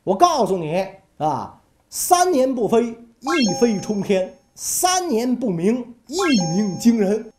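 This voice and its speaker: A woman's voice: on the high side, very animated, slow pace, noisy background, voice pushed up. A woman voicing an idle, carefree male king of ancient times who teases his courtiers in a raised, flippant voice. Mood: amused.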